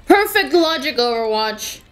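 A woman's voice: high-pitched, big pitch swings, a little slow, over music. A young woman streaming a game, chatting casually and giggling as she reacts to the match and her chat.

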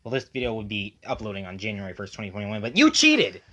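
A woman's voice: a bass voice, huge pitch swings, bright, forceful tone, full character voice. A woman voicing a bossy male Mario plush toy who hosts a stay-up contest and scolds the others in a home toy video. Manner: bossy, scolding, quick to bicker. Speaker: contest host among toys.

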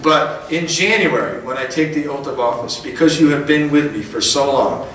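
A man's voice: mid-range voice, moderate pace, fairly bright tone, a little hiss or hum. A middle-aged man, a politician, giving a folksy, rousing campaign rally speech from a podium in a large hall. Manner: folksy, rousing, rising to emphatic peaks. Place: large indoor function hall. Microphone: podium mic, recorded by a far camera. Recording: echoey hall from far off.

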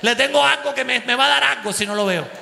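A man imitating a fussy Cuban man from a soap opera, in an exaggerated Cuban accent with a high sing-song delivery. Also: quick pace, creaky, pushed and bright, a little hiss or hum, full character voice. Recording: echoey hall.

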